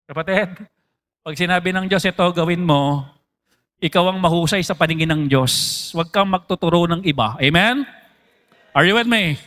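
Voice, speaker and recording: A Filipino man preaching a sermon as pastor, switching between Tagalog and English and asking the congregation questions. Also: moderate pace. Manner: animated, jumps in pitch for emphasis.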